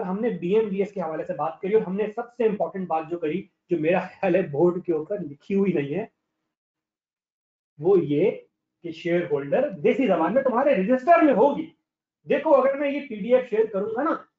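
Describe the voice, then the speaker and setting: A male teacher with a slightly hoarse voice, giving an online lecture in a blunt, scolding way and calling on students by name. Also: sits high. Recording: echoey, dull lo-fi online class audio.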